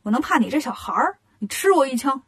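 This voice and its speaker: A woman's voice: high voice, sing-song, fast, slightly rough, exaggerated voice. A woman doing a taunting monster king. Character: boastful male monster king, mocking.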